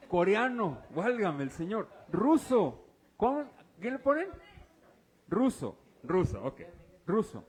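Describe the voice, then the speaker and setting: A man preaching a sermon as pastor, firing casual, teasing questions at his congregation during a church service. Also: high-pitched. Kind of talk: interactive sermon.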